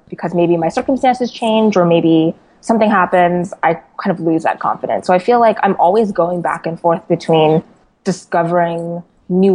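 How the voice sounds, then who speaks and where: Heard on a low-quality recording, a Californian woman with a lowish, darkish voice appears as a journalist guest in an interview. Her answers are considered, broken up now and then by "uh" and restarts.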